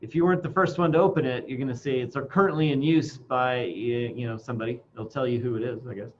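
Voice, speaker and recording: A man is teaching software to a class, his voice muffled by a face mask. He talks informally and haltingly, thinking aloud as he demonstrates. The recording is dull and lo-fi, with a faint bed of noise behind him. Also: mid-range voice. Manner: speaking through a face mask. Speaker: instructor.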